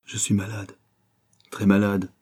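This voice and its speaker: A man's voice: fairly low pitch, monotone, unhurried, a little mellow, husky. A man reading an audiobook, voicing a disillusioned young former sailor in a weary, earnest way.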